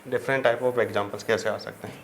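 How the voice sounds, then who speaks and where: A man with a lowish, gravelly voice speaks in a steady, unhurried way while teaching chemistry at a whiteboard, working through each step and answering his own questions. He addresses his students as children, and faint background noise runs under the recording.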